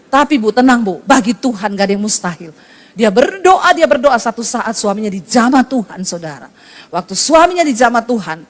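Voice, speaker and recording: A woman pastor preaching a sermon, telling stories dramatically, teasing and directly addressing the congregation while acting out quoted dialogue. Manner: dramatic storytelling, teasing, calls the congregation "saudara"; acts out quoted dialogue with jumps in pitch. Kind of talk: lively Pentecostal-style sermon.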